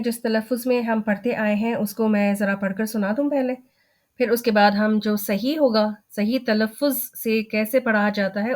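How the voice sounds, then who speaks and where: A woman teaching an online recitation lesson, explaining each term patiently and step by step. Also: medium pitch.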